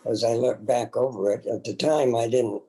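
A man in his seventies, the host's father, appears as an interview guest casually recalling his own experience. His medium-pitched, dark voice stays steady at normal speed, and he speaks plainly and hesitantly.

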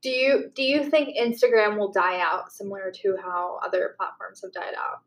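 A young woman co-hosting a podcast, talking casually in a slightly nasal voice, saying yeah often and laughing at herself. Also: mid-range voice. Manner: chatty, quick to laugh at herself. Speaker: podcast co-host.

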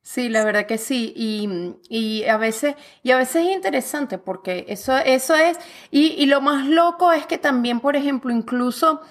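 A woman from Venezuela with a Venezuelan accent, speaking as a guest in a relaxed, expressive conversation. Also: fairly high pitch. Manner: lively, expressive, talks with her hands. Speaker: guest author. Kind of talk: casual conversation. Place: lives in Canada.

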